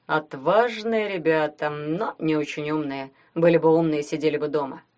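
A woman voicing a brooding young male necromancer, who speaks slowly and measuredly, as if through his teeth. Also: deep voice, a little mellow, natural voice.

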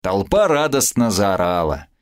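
A man reading a story aloud as narrator, in a lively, dramatic way. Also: on the low side, a little slow. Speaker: audiobook narrator. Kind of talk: scripted narration.

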